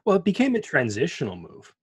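A man's voice: a little high, wildly swooping pitch, quick pace, husky. A man co-hosting a podcast, chatting casually and enthusiastically about wrestling. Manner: enthusiastic, rambling with restarts. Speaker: podcast co-host.

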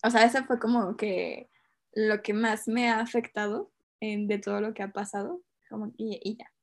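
A woman's voice: mid-range voice, fairly even intonation, moderate pace, creaky. A young woman with a Mexican Spanish accent telling a personal story in casual chat, hesitant, with many fillers and nervous laughs.

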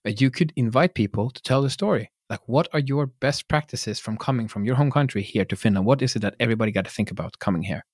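A man hosting a podcast, giving quick, animated, chatty advice. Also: medium pitch, no room sound, clean studio sound. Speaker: podcast host. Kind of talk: casual podcast interview.

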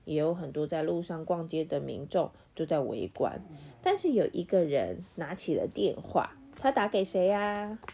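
At home, a mother with a low voice and vocal fry reads a picture book aloud to her child at a moderate pace, with slight background noise. She's animated, acting out sound effects and stopping to quiz the child.

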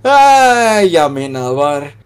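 A woman's voice: deep voice, very animated, extremely slow, clean tone, heavily acted. A man putting on the voice of a kind middle-aged female schoolteacher with a Mexican accent, quoting her in passing during a story. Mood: gentle. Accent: Mexican Spanish. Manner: quoted in passing mid-story.

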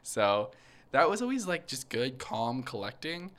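A young man co-hosting a relaxed podcast, his talk loose and full of fillers. He drifts from one thought to the next in casual chat. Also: mid-range voice, unhurried. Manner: chatty, lots of fillers and "like". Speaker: podcast co-host.

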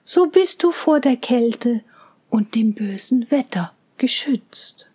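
A woman voicing a kind, caring mother in a fairy tale reading, gentle and soothing. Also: on the high side, lively intonation, slow pace, breathy edge, exaggerated voice.

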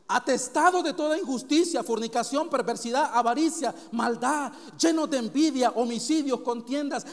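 A man preaching a sermon as pastor, reading long scripture lists and questioning the congregation directly. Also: extremely high pitch. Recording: long hall reverb.

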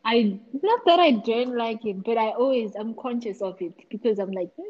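A young woman co-hosting a podcast, playful and quick to tease her partner. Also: a little high, expressive, a little mellow, lo-fi sound. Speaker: podcast co-host. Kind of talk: casual chat.

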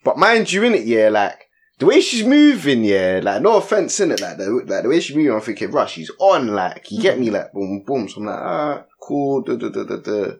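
A man's voice: mid-range voice, very animated, fairly quick, slightly rough. A young man with a London accent telling a story in casual chat, heavy on street slang and tag questions. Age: young adult.

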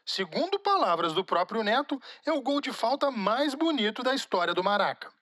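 A man reading scripted sports documentary narration in an animated presenter's delivery. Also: extremely high pitch, moderate pace, dry recording, studio quality.

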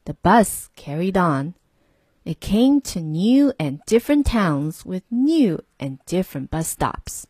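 A woman reading a children's picture book aloud, slowly and gently, lifting her voice for the characters. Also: on the low side, very animated, slightly rough, no echo. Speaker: storyteller.

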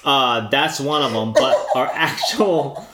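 An echoey room surrounds this man's medium-pitched voice. He has a local Hawaiian accent and talks in a loose, colloquial way peppered with Pidgin slang. It is casual podcast co-host chat. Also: slow, over a noisy crowd. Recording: roomy echo.

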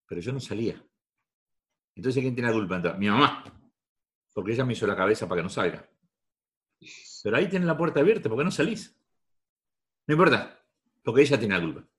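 A man with a Rioplatense Spanish accent giving a repetitive, emphatic talk to a live audience. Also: mid-range voice. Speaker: motivational speaker.

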